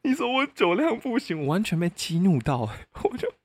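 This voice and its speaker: A man's voice: high voice, big pitch swings, brisk, heavy background noise. A young man with a Taiwanese Mandarin accent, telling casual stories on his podcast. He swears often and laughs in the middle of sentences. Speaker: podcast host. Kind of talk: casual solo storytelling.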